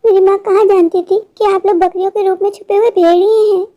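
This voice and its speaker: A woman's voice: very high-pitched, steady tone, fast, mellow. A woman voicing an indignant young daughter-in-law in a cartoon story, complaining about her in-laws.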